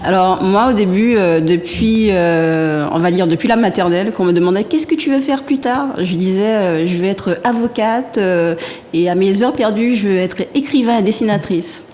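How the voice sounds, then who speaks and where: A woman in her thirties from Martinique, a guest artisan telling her story in a soft, hesitant, often laughing way. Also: medium pitch, moderate pace. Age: 30s. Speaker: guest artisan and interior decorator. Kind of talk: casual interview talk. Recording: reverberant room with faint background noise.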